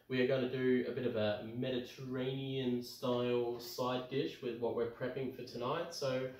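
A medium-pitched Australian man in his thirties, croaky from tonsillitis, hosts a home cooking show and chats upbeat through a demonstration in his own kitchen, with plenty of ums. The camera's microphone sits across the room, so the sound is roomy and distant.

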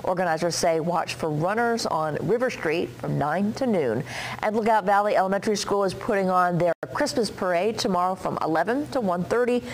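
A woman's voice: lowish voice, brisk, a little hiss or hum, poor audio. An American woman working as a television news anchor, reading items and chatting at the desk.

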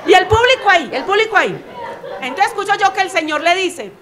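A young Colombian woman tells a stand-up story in a high voice. She acts out the other people's voices with animated energy and laughs along as she goes. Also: fast talker, a faint crowd. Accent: Colombian Spanish. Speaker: stand-up comedian.

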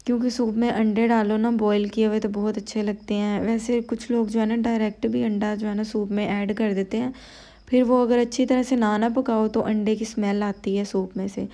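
Female vlogger from Pakistan, Pakistani Urdu accent, tired and soft-spoken, flat dark voice for a cooking voice-over. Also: mid-range voice. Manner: slow, quiet, unhurried talk, full of "you know" fillers. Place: home at night, voice-over.

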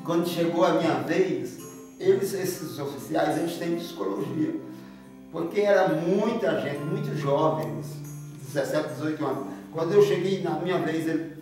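Older northeastern brazilian guy telling his life story, kinda high voice, lots of "né?", echoey room w guitar playing. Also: normal speed, a little mellow. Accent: Northeastern Brazilian, Paraíba. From Brazil, Paraíba. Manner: rambling, earnest, with frequent "né?" asides. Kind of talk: slow, emotional spoken memoir. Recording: echoey room, distant mic, guitar music. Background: guitar music.

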